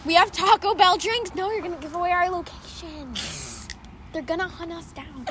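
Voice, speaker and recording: Teen girl co-host, playful teasing chat, very high voice, noisy recording. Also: normal speed, a bit bright. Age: teens. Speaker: podcast co-host. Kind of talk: casual chat.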